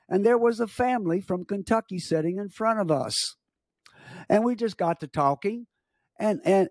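A man, a missionary guest on a podcast, telling a story in a halting, earnest way, often restarting his sentences. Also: high-pitched, darkish tone, no echo. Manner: halting with repeated starts, earnest. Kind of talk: casual storytelling interview.

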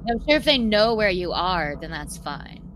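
A woman's voice: fairly low pitch, very animated, moderate pace, fairly bright tone, a little hiss or hum, low-quality recording. A woman chatting casually as a player in a tabletop role-playing game.

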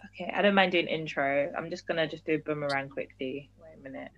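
A woman's voice: sits low, fast talker, fairly bright tone, highs cut off. A woman in her early twenties with a London accent, hosting a casual chat in informal, slangy speech. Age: early 20s. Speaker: podcast host.

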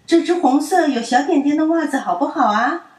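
A woman puts on an eager little boy, bright and helpful, calling out his offers loudly and quickly in a squeaky high voice. The sound is roomy and a bit distant. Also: lively intonation. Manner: chirpy, loud and quick.

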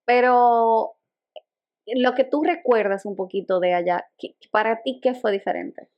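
A woman's voice: on the high side, a little slow, lo-fi sound. A young woman, co-hosting a podcast in casual chat, laughing often and restarting her sentences. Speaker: podcast co-host.

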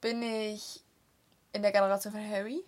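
A young woman speaking, chatting casually and excitably while playing a guessing game, swearing now and then when stuck. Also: mid-range voice, normal speed. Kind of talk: casual chat.

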